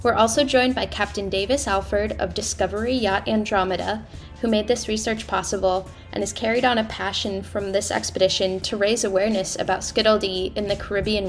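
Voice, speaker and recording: A woman podcast host reading a scripted introduction and asking interview questions in a clear, measured way. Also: medium pitch.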